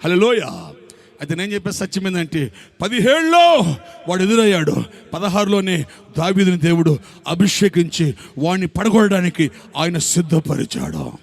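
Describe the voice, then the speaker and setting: A male preacher with a high-pitched voice delivers a revival sermon. He fires call-and-response questions at the congregation and demands loud hallelujahs. His delivery keeps climbing into ringing shouts. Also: expressive, moderate pace, gravelly. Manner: calls for loud amens and hallelujahs, rising to shouts. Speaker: pastor. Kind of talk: Pentecostal-style revival sermon.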